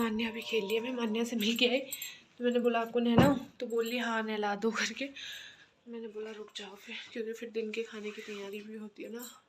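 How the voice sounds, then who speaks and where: A young woman with a slightly high voice vlogs her day at home. She talks to her viewers casually and calls them guys, walking them through her chores as she goes. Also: a little hiss or hum. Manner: chatty, running commentary on her chores. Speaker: home vlogger and mother. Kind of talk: casual vlog chat.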